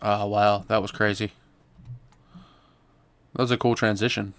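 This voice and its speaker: A man's voice: lowish voice, level tone, measured pace, clean tone, no room sound. A man giving let's play commentary, reacting aloud and reading the game's text. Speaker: gaming streamer.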